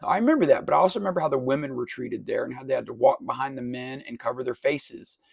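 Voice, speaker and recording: Indignant man with a gravelly voice. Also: medium pitch, fast, no room sound. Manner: indignant, exasperated questioning. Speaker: satirical interviewer. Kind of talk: mock interview monologue.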